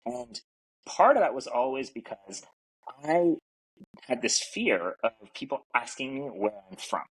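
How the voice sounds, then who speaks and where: Speaking as a podcast guest, a middle-aged native French speaker from Canada is earnest, reflective and full of fillers in casual interview talk. His mid-range voice is gravelly and a bit bright, with huge pitch swings at a measured pace, recorded at low quality on a podcast mic.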